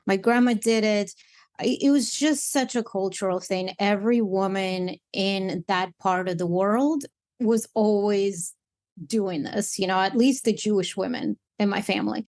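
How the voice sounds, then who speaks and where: A woman's voice: mid-range voice, measured pace. Blunt, candid woman matchmaker guest. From Ukraine. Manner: candid, blunt, animated with repeated restarts. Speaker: matchmaker and dating coach guest. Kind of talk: casual interview chat.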